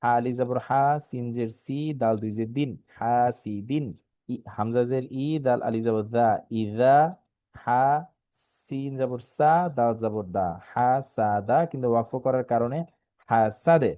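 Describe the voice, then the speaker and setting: A man teaching Quran reading online, spelling Arabic syllables one by one and then reciting the words in a drawn-out, melodic way, with a Bangladeshi Bengali accent. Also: mid-range voice, steady tone, mellow, no echo, clean studio sound.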